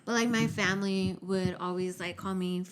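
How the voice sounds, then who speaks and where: A woman's voice: mid-range voice, fairly even intonation, normal speed, clear, resonant tone. A young woman co-hosting a podcast, chatting openly and bluntly in a mid-range voice. She swears freely, leans heavily on "like", and slips Spanish words into her talk. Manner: frank and profane, heavy use of "like". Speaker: podcast co-host. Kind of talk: casual chat.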